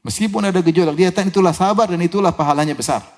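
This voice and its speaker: A man preaching a sermon. He recites Arabic verses, explains them, and asks his listeners questions that he answers himself. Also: very fast. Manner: animated, with sudden rises in pitch and loudness on key words.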